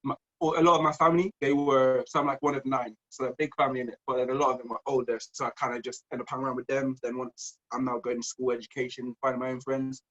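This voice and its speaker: A man in his early twenties in casual podcast chat, talking in fast slangy banter. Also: mid-range voice, level tone, a bit bright, dull audio. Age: 20s.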